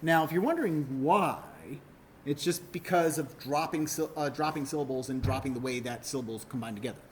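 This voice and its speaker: A man's voice: on the high side, fairly quick, a little hiss or hum. A male university lecturer giving a classroom lecture, explaining step by step, correcting himself often and checking that students follow.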